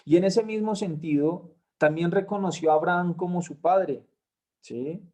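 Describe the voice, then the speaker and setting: A man's voice: high-pitched, mellow. Man teaching a Bible class. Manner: explains slowly, asks "¿cierto?" after points. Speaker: Bible study tutor.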